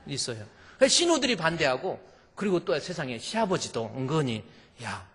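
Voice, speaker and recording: Animated Korean pastor preaching in a hall. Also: male voice, fairly high pitch, brisk, breathy edge. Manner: animated, acts out voices, swings loud and soft. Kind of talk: sermon storytelling.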